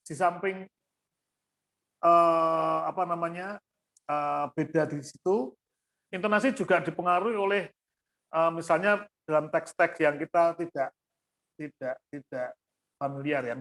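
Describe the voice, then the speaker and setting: Man, choir coach, casual lesson, slightly high voice, sings note examples. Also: a bit bright. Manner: loose, chatty teaching with sung note examples. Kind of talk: choir lesson explaining intonation.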